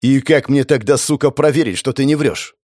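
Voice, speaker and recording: A man voicing a ruthless, cornered male gang boss who shouts and curses threats in an audiobook. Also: medium pitch, moderate pace, dry recording, clean studio sound, voice pushed up, natural voice. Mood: menacing. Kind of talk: audiobook character voice.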